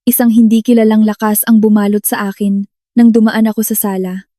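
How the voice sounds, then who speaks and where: A woman narrating a dramatic first-person story in a steady storytelling manner. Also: mid-range voice, a little fast, dry recording, clean studio sound.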